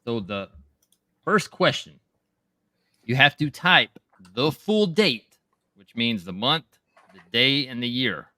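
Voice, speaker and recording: A man's voice: medium pitch, very animated, slow pace, long pauses, bright, forceful tone, no echo, studio quality. A man hosting a giveaway on a live stream, stop-start, checking in with "okay?". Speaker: host.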